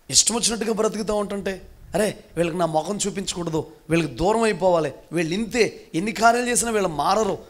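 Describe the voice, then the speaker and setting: A male pastor preaching a fervent sermon to his congregation in church, calling out hallelujah again and again. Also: high voice. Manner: fervent, calls for loud hallelujahs, often addresses congregation as beloved.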